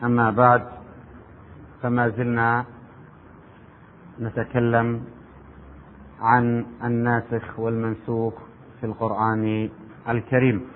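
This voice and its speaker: A man's voice: medium pitch, monotone, slight background noise. Man lecturing in a reverberant hall. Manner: measured classical Arabic delivery, reciting verses. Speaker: lecturer on Quranic sciences. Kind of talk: formal religious lecture. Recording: phone-like narrow sound with long hall reverb.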